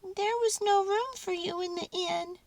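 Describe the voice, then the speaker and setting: In a children's story, a woman voices a tiny, excitable, tender-hearted male mouse, using a squeaky, expressive voice. She speaks a little slowly, and there's no room sound on the recording.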